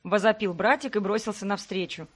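A woman reading a fantasy audiobook in the first person, in steady storytelling. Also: mid-range voice, brisk. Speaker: audiobook narrator.

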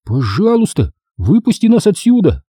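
A man's voice: on the high side, sing-song, unhurried, warm tone, breathy edge, no echo, clean studio sound, voice pushed up, heavily acted. A man voicing a frightened, pleading boy in an audiobook. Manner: raised, pleading, anxious. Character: frightened boy, the first-person hero. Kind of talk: audiobook character reading.

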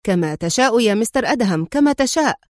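A woman's voice: on the high side, expressive, fast, no room sound, studio quality, close to an everyday voice. A woman reading a storybook, voicing a groveling male turncoat who speaks eagerly and fawningly.

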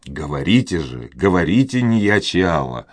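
A man voicing a courteous, impatient young gentleman in love, speaking in his own deep voice. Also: big pitch swings, a little slow, no echo, full character voice. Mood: urgent courteous. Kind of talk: audiobook character reading.

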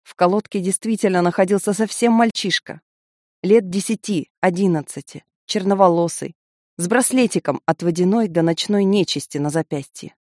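A woman narrating a dark fantasy audiobook in a vivid, tense storytelling manner. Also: fairly low pitch, normal speed, dry recording, clean studio sound.

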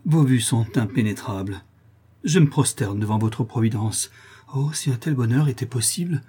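A man's voice: medium pitch, normal speed, warm tone, husky, close to an everyday voice. A man reading aloud and voicing a proud aristocratic countess who speaks in an imperious, emotional way.

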